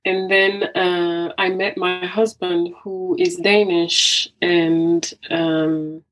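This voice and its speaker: A woman's voice: on the low side, drawn-out words, creaky, faint music behind, poor audio. A woman from Angola, a psychotherapist, speaking as an interview guest in a reflective way, with restarts along the way. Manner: reflective, with frequent restarts and soft laughs. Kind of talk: conversational interview.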